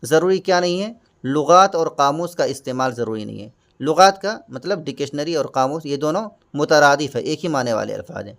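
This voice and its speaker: A man's voice: a little high, lively intonation, creaky, a bit bright. Patient man explaining exam answers. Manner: patient, repeats and glosses terms. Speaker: exam prep teacher.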